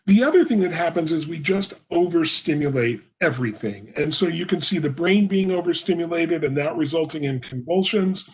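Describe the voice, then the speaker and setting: A man gives a remote webinar lecture into a computer mic, his fairly high voice lively in intonation. He sounds hoarse, coughs now and then, and explains at a measured pace with many fillers.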